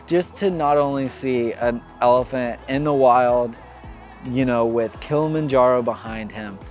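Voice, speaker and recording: A man's voice: mid-range voice, a little mellow. A man narrating his travel vlog in an enthusiastic, casual way, with a laugh now and then. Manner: enthusiastic, laughs while talking. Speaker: travel vlogger. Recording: faint music behind.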